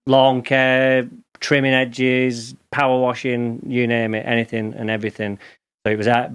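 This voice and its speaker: A podcast guest in his forties, from England with a Lancashire accent, has a clean, fairly bright, medium-pitched voice. Chatting casually with an interviewer, he rambles candidly about his working life and often restarts his sentences.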